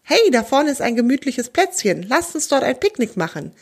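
A woman's voice: sits high, very animated, normal speed, breathy edge, pitched above the performer's own voice, full character voice. A woman voicing a brave, caring young girl in a children's storybook, earnest in tone. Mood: concerned. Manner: earnest, concerned.

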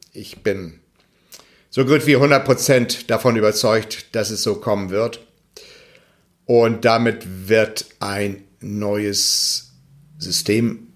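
A man who reads a children's tale slowly and then comments in a deliberate tone, with hesitant fillers. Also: medium pitch. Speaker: storyteller and foundation spokesman.

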